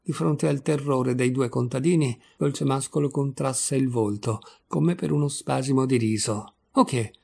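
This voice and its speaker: A man reading a literary short story aloud as scripted narration, measured and expressive. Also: mid-range voice, gravelly, slightly rough. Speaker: audiobook reader.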